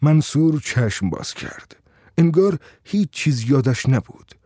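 A man narrating a short story as an audiobook, in a steady, measured reading voice. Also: a little high, no room sound, clean studio sound.

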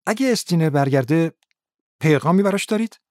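A man voicing a suave, polite, menacing middle-aged gangster who speaks softly and draws his words out. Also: fairly high pitch, animated, no room sound, studio quality, voice pushed up, close to an everyday voice. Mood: quietly menacing.

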